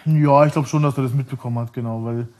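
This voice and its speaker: A man's voice: medium pitch, steady tone, quick pace, a little mellow. A man in his thirties, a podcast guest telling long stories in a rambling, casual way, often laughing and correcting himself. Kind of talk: casual storytelling.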